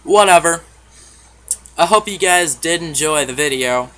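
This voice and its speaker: A man telling a story in a casual vlog, offhand and full of swearing, often clearing his throat. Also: on the high side, animated, measured pace, a bit bright, a little hiss or hum. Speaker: YouTuber.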